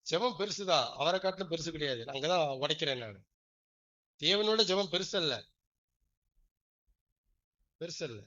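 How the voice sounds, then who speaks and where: A man preaching a sermon, dropping to quiet asides and then rising to loud, stressed lines, often checking that listeners follow. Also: lively intonation, measured pace, long pauses. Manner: emphatic, swings from low asides to loud stressed phrases; questions the congregation often. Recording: dull lo-fi recording.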